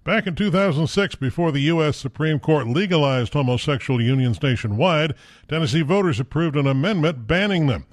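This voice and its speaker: A man filing a scripted news report in a measured, even delivery. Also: fairly high pitch, no echo, studio quality.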